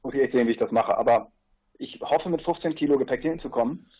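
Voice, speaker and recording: A man's voice: mid-range voice, fast, husky, dull audio. A man as a podcast guest, explaining his trip in a rambling way with asides and fillers. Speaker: guest, paddler on a long river trip. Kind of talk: casual podcast interview.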